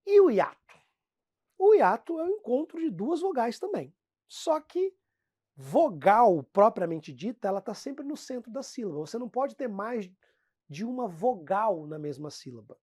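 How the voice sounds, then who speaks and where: A Brazilian woman teaching a grammar lesson, talking straight to her class and drawing out example words slowly. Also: a little high, no echo, clean studio sound. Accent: Brazilian Portuguese. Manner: lively, talks to the class as "pessoal", drags out example words slowly. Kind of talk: classroom lesson explaining phonetics.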